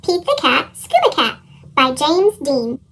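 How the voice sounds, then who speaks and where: This storybook reader takes an unhurried pace, her fairly bright voice swinging widely in pitch as she expressively reads children's picture books. A sped-up chipmunk effect alters her voice.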